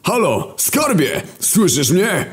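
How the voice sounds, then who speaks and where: A man voicing War, a crude, loud, swearing male god of war. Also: medium pitch, big pitch swings, moderate pace, voice pushed up, close to an everyday voice. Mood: frantic.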